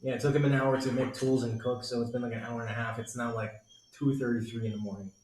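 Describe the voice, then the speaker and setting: A man running a tabletop role-playing game as game master, briskly keeping the players organized. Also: mid-range voice, steady tone, darkish tone, a little hiss or hum. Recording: roomy echo.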